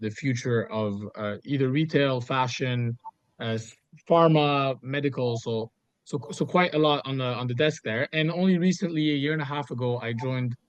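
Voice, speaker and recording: A man's voice: medium pitch, dry recording. A Canadian man in his thirties, a guest in an interview, answering casually and animatedly, often restarting phrases. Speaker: guest, sales executive. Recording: dull, lo-fi sound.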